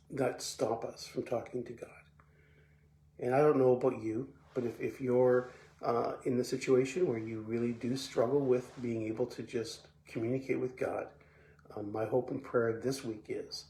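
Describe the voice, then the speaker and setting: A man from Belgium giving a short, relaxed devotional talk as a pastor, often repeating words and pausing with fillers. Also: mid-range voice. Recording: echoey room with faint background noise.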